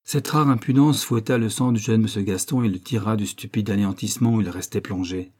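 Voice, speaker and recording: Un homme qui lit un roman en livre audio, d'une lecture posée et régulière. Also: male voice, on the low side, steady tone, a little fast, a little mellow. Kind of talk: audiobook narration.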